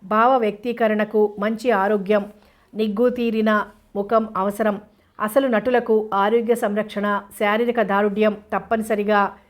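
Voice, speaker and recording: A woman narrating a novel in a steady, measured audiobook reading. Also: medium pitch.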